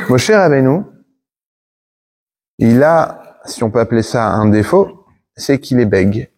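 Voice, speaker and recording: A rabbi, a man, talks through a Torah lesson in a warm, mellow voice at an ordinary pitch. He tells it casually and pauses to hunt for the right word. His tone is relaxed and unhurried. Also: slight background noise. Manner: pauses and searches for words aloud; relaxed conversational telling.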